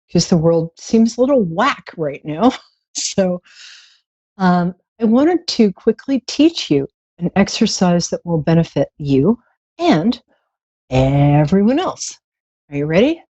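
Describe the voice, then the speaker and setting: A woman's voice: lowish voice, a little mellow, slightly rough, no room sound. A woman hosting a live psychic show in a casual, chatty way, with playful, theatrical endearments. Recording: slightly dull, lo-fi stream audio.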